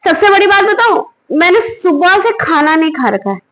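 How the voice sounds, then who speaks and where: A woman's voice: very high voice, big pitch swings, normal speed, fairly bright tone, rough recording. A young woman, a tired and hungry mother, talking frustrated and weary straight to the camera in a casual home vlog, filmed at home at night. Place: home bedroom and kitchen at night. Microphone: phone camera on tripod.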